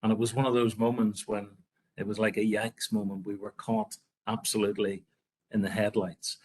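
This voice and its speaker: A man with a lowish, somewhat husky voice presents in a measured, reflective way. He pauses and hesitates now and then as he gathers his thoughts. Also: little pitch movement, a little mellow. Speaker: healthcare leader presenting. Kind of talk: webinar presentation.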